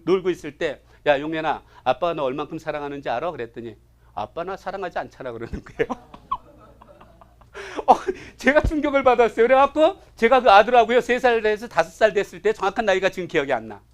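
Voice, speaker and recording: A man with a high, light voice lectures on scripture to a class. He keeps firing rhetorical questions at his listeners and nudges them along with quick interjections. His delivery is animated and swings between loud and soft. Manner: asks the audience rhetorical questions; prods listeners with short interjections. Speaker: Bible teacher.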